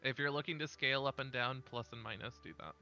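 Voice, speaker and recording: A man narrating as dungeon master, in a relaxed way with frequent fillers. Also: mid-range voice, quick pace, dull audio, soft background music. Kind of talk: narrating a tabletop game.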